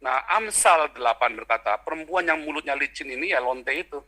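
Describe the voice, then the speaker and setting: A man speaking over a video call in a mocking, vulgar, combative way, hosting a heated debate. His voice sits a little high and sounds very bright and forceful. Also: animated, fairly quick.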